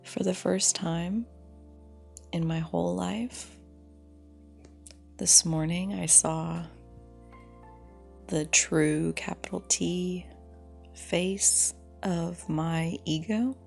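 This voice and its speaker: Recorded on a phone voice recorder like a dictaphone note, this woman muses aloud alone, personal and halting, with lengthy pauses. Her voice is breathy and fairly low with fairly even intonation, frequently drifting into a whisper over faint background music.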